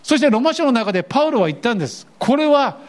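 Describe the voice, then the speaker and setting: A man's voice: very high-pitched, sing-song, rapid-fire. An older man preaching a sermon as pastor, asking his congregation questions and acting out the voices he quotes.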